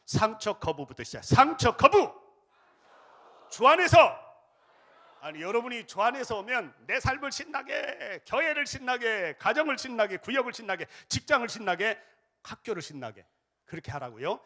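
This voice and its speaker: Animated Jeolla-accented Korean pastor. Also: male voice, sits high, fairly quick. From Jeolla, South Korea. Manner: shouting call-and-response chants, switching to chatty storytelling. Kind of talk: revival sermon. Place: church sanctuary.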